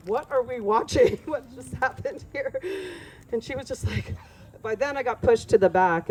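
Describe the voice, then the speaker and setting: A woman teaching a group about plant medicine, telling lively stories and laughing often. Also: mid-range voice, a little hiss or hum.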